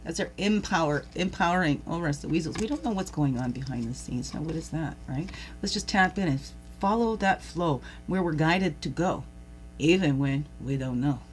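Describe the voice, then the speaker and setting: A woman's voice: low voice, expressive, normal speed, a little hiss or hum. Chatty woman musing in a spiritual reflection. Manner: rambling, warm-hearted, laughs at herself, asks the listener questions. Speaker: host of a daily reflection show. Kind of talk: casual spiritual reflection talk.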